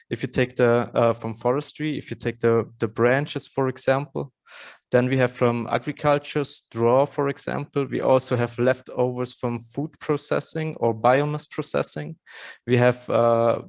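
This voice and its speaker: A man's voice: mid-range voice, vocal fry. A man in his thirties from Austria, an English speaker, giving a conference presentation earnestly with frequent fillers and restarts. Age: 30s.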